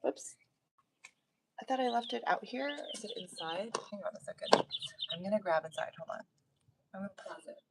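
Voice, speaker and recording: A woman's voice: mid-range voice, lively intonation, normal speed, pauses often, recorded from a distance, very noisy. A woman hosting a casual live gardening stream outdoors, chatting with viewers and reading their comments while she plants in the rain. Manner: chatty, reads viewer comments aloud, talks while working. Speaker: gardening livestream host. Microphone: phone set up outdoors.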